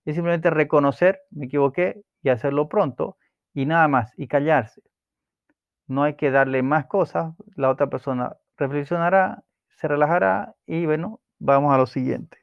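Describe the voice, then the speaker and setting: A man calmly explaining a self-help book chapter, pausing with fillers and restarting words as he goes. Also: on the high side, creaky, clear, resonant tone, dry recording, muffled recording. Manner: calm, explanatory, with hesitations and repeated words.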